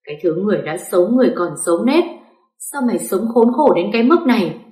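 A woman's voice: mid-range voice, lively intonation, fast talker, reverberant, natural voice. A woman voicing a furious young wife who hurls insults in a raised voice. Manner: shouting insults.

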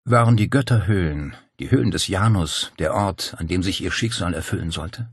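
A man reading a thriller audiobook in a steady, measured storytelling voice. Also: low voice, husky, no room sound, clean studio sound. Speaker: audiobook narrator. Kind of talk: scripted narration.

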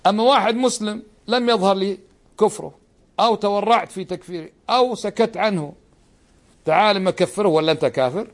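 A man's voice: high-pitched, a little fast. A middle-aged man giving a religious lesson, pressing his points with rhetorical questions and repetition. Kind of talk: religious lesson explaining a text.

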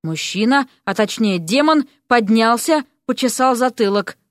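A woman reading a fantasy story aloud with lively, expressive narration. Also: on the high side, a little slow, no room sound, studio quality. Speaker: audiobook narrator.

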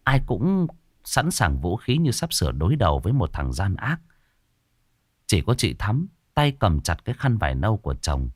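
A man's voice: lowish voice, big pitch swings, normal speed, no room sound, studio quality. A man narrating a ghost story with dramatic, varied storytelling delivery.

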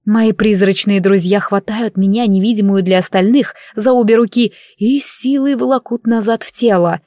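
A woman's voice: mid-range voice, steady tone, moderate pace, warm tone, dry recording, clean studio sound. Woman narrating a fantasy audiobook. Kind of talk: scripted first-person fantasy narration.

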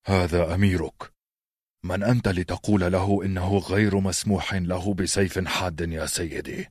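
A man's voice: low-pitched, steady tone, moderate pace, darkish tone, husky, no room sound, clean studio sound. A man voicing a huge, menacing scarred knight in an audiobook, contemptuous in tone. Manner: contemptuous, challenging.

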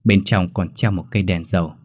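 A man narrating a ghost story in a steady, measured reading voice. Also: sits low, dry recording, studio quality.

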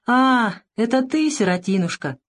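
A woman's voice: fairly low pitch, very animated, normal speed, breathy edge. A woman voicing a mocking teenage boy who bullies the younger orphans, speaking with a sneer.

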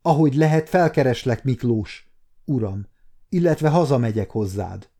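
A man's voice: mid-range voice, lively intonation, mellow. A man voicing an earnest, polite young male page who stumbles over forms of address. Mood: eager, polite.

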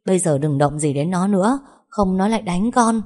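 A tearful old mother soothes her daughter in an audio story, as a woman reads her. Her voice sits fairly low. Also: animated, normal speed, a little mellow. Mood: comforting.

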